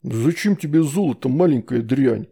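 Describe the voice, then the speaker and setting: A man reading an audiobook, voicing a huge grumpy demon uncle who drawls slow threats. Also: mid-range voice, expressive, gravelly, warm tone, husky.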